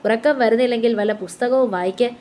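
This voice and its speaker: A woman's voice: a little high, quick pace, warm tone, slight background noise, natural voice. A woman reading the lines of a cold, bitter young husband who speaks harshly and curtly. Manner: harsh, curt.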